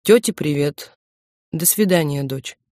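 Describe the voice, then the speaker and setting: A weary middle-aged father in an audiobook, short and businesslike on the phone, as a woman reads him. His words come clipped and flat, close and dry. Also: low-pitched, measured pace, dry recording.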